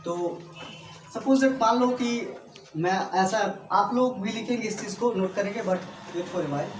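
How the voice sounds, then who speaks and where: A man's voice: high-pitched, a little slow, roomy sound, music in the background. A man teaching English to a class with an Indian accent, repeating points and often checking that students follow. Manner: repetitive, checks understanding often.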